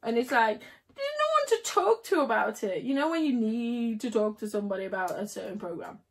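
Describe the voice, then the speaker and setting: A woman's voice: on the high side, sing-song, fairly quick. A woman livestreaming casually, chatting and giggling with viewers while she builds. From United Kingdom.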